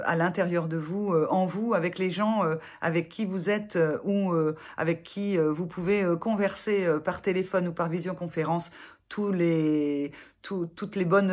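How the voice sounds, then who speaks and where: A woman therapist giving gentle self-help advice to viewers in a vlog, speaking haltingly with many filler sounds and restarts. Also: sits low. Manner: gentle, reassuring address to viewers.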